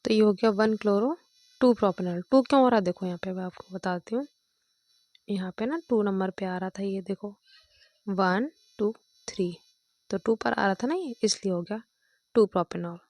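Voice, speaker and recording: A woman's voice: mid-range voice, normal speed, long pauses, no room sound. A woman chemistry teacher explaining step by step, counting aloud and checking in often with her students. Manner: counts out loud, checks with "thik hai" and "dekho".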